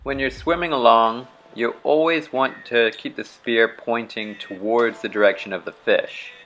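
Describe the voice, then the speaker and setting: A man's voice: mid-range voice, unhurried, a little hiss or hum. Bahamian man explaining spearfishing technique. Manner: relaxed, practical, step-by-step explaining. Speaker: charter fishing captain. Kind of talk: instructional vlog narration.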